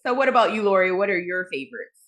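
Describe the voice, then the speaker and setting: Animated profane woman chatting books. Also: mid-range voice, fast. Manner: animated, frank and profane, many fillers. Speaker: podcast co-host. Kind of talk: casual book review chat.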